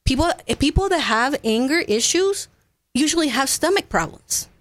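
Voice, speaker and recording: High-pitched and animated at a moderate pace, with no echo, this woman is a massage therapist from Ecuador and a native Spanish speaker. As an interview guest she earnestly explains her work in a conversational way, frequently using check-in tags.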